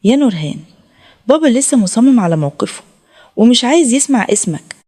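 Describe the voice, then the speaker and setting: A woman playing a worried Egyptian mother, pleading through tears. Her voice is mellow and dark, and she talks at a quick pace. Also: fairly high pitch, sing-song. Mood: sad. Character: tearful worried middle-aged mother.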